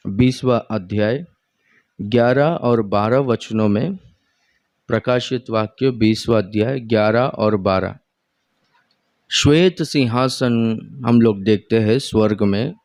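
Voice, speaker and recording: Pastor preaching real slow, chatty, asks the crowd stuff, dry close sound. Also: male voice, mid-range voice, a little mellow, no echo. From India. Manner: slow, conversational preaching with rhetorical questions to the congregation. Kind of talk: sermon.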